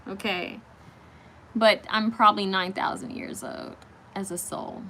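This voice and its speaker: A woman's voice: medium pitch, fairly even intonation, a little slow, sharp tone, a little hiss or hum. A woman in her thirties chatting casually on a livestream, reading viewer comments aloud and drawing oracle card messages, often restarting her sentences. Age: 30s.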